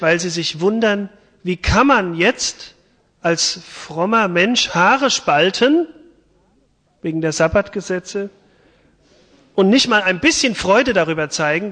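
Man preaching slowly in a reverberant church. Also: high-pitched. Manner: retells scripture in a chatty, lively way. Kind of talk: sermon with Bible reading.

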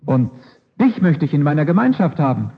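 A male preacher delivers a sermon with emphatic rhetorical questions and repeated refrains. His voice is somewhat high and husky. The recording sounds dull and lo-fi. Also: big pitch swings, brisk.

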